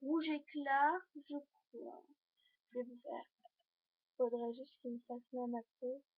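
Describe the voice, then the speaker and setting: A woman's voice: high voice, fairly even intonation, slow, slightly rough. Chatty teenage girl on a dull lo-fi recording. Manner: chatty and rambling, full of hesitations; talks to the viewers while showing items. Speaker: vlogger. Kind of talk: casual fashion haul vlog. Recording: dull lo-fi home video recording.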